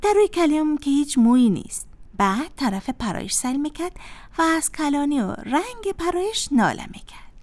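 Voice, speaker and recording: A woman narrating a children's story in an expressive, sing-song way. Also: sits high.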